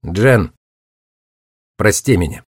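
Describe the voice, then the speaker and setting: A man's voice: fairly low pitch, expressive, slow pace, slightly rough, dry recording, clean studio sound, heavily acted. A man reading a story aloud and voicing a guilty young boy who pleads in a slightly nasal voice. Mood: pleading.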